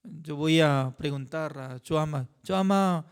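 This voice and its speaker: A male pastor teaches a Bible study at an unhurried, deliberate pace. He speaks in halting, simple sentences, often pausing to check in with his listeners. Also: high voice, lively intonation. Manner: halting, with frequent rhetorical "¿no?" asides; non-native phrasing with simple grammar.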